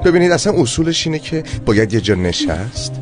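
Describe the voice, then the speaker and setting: A man's voice: medium pitch, very animated, music in the background, close to an everyday voice. A man voicing a fussy, talkative young male friend in a dubbed TV drama, full of dramatic sighs. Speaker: dubbed series sidekick.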